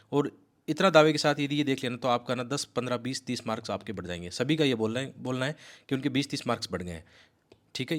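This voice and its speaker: A man giving a rapid, emphatic exam-prep lecture, coaxing his students and mixing in English words. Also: medium pitch. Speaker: civil service exam coaching teacher. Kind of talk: fast explanatory lecture.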